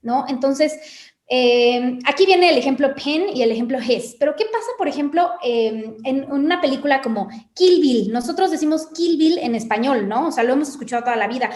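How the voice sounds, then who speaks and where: Mexican woman, high voice, roomy sound. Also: brisk, darkish tone. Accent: Mexican Spanish. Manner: explanatory, uses many "¿no?" tags. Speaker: English teacher. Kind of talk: casual chat.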